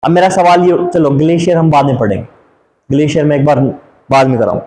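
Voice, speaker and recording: A man's voice: fairly high pitch, quick pace, warm tone, echoey room, slight background noise, rough recording. A man teaching geography from a map, asking rhetorical questions, drawling and repeating place names, and mixing in English phrases. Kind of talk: map lesson for exam students.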